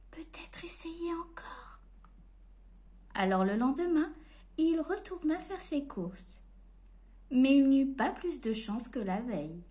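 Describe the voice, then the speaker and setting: A woman reading a storybook aloud to children in an expressive, playful way. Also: sits high.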